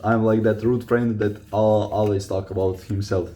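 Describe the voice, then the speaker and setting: In a lowish, dark voice, flat and at normal speed, a young Croatian man who plays football and vlogs chats confessionally to camera. His non-native English carries a Croatian accent, and he falters while looking for words.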